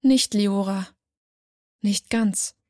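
A woman narrating a dark fantasy story in a measured, dramatic way. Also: medium pitch.

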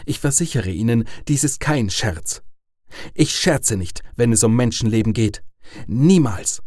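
A man doing a calm, menacing blackmailer. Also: mid-range voice, no echo, clean studio sound, close to an everyday voice. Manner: calm, measured, threatening. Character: calm menacing male caller, cold blackmailer.

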